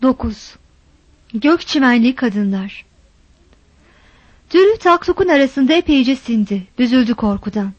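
A woman reading a novel aloud in measured, steady audiobook narration. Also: high voice, no echo, highs cut off.

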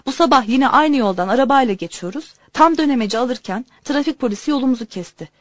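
A woman's voice: high voice, animated, quick pace, no room sound. A woman voicing an indignant man who rants in outrage about his country, telling a story aloud. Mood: outraged. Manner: outraged, exclaiming.

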